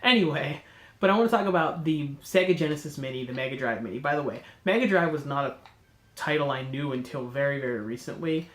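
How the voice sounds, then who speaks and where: A North American host with a cold hosts a casual chat in a congested, nasal voice, rambling enthusiastically and correcting himself as he goes. His pitch is fairly high and a bit bright, he talks quickly, and the sound is roomy.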